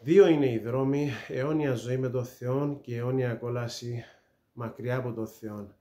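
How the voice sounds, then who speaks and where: A middle-aged man giving an earnest personal faith testimony, hesitant, with many pauses and fillers. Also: mid-range voice, fairly even intonation, mellow. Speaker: testimony speaker. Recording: echoey room.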